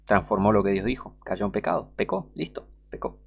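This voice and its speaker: A man preaching a fiery sermon, scornful and full of rhetorical questions, swinging between loud outbursts and hushed asides. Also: fairly low pitch, expressive, brisk, vocal fry, breathy edge, muffled recording.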